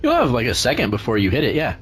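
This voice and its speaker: Halting male game master, faint background noise. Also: medium pitch, huge pitch swings. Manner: halting, searching for words. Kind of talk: improvised tabletop game narration. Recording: noisy room recording.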